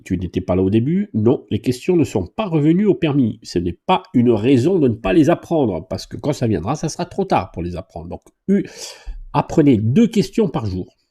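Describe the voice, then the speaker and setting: Animated, chatty French driving instructor man. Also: medium pitch, slightly rough. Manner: chatty, joking, animated, reads comments aloud. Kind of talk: live Q&A, reading viewer questions.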